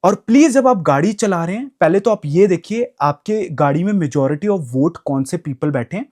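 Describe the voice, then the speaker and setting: A man's voice: sits high, lively intonation, moderate pace, darkish tone. Young guy ranting into the camera, voice bouncing up and down a lot, keeps repeating himself for emphasis. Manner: emphatic, repetitive, mixing English phrases. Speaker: vlogger. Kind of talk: casual opinion rant to camera.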